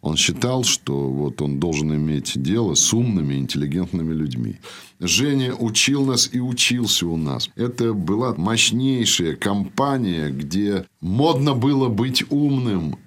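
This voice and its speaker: An older man, a teacher, recounting anecdotes in an interview with a trained stage voice and lively delivery. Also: fairly low pitch, unhurried. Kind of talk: conversational storytelling.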